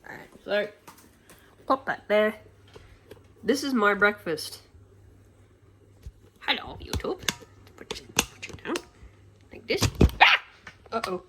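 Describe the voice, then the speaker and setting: Far from the microphone, a vlogger with a medium-pitched, nasal voice that's pushed and bright chats slowly and often pauses, her intonation lively. She rambles through a get-ready-with-me video at home, full of fillers and self-corrections, amid echo and household noise as she moves around the kitchen and rooms.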